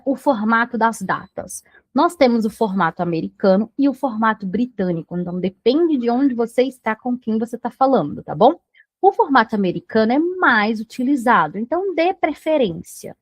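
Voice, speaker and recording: A Brazilian woman teaches English pronunciation to beginners in a patient, encouraging way. She keeps checking that the learner follows her. Her voice sits at an ordinary pitch and sounds close and dry, with no room around it. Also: no echo. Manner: patient, repeats checks like "tá bom?".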